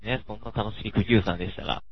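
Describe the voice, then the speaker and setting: A man co-hosting a podcast in casual anime chat, animated and leading the talk with quick asides. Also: on the low side, a little hiss or hum. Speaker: podcast co-host. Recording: dull, lo-fi, dry.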